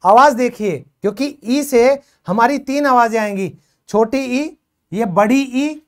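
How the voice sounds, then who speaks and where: A woman's voice: on the high side, unhurried, darkish tone. A woman teacher leading a classroom English lesson, patiently drilling word sounds and coaxing students to call out answers. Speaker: school teacher.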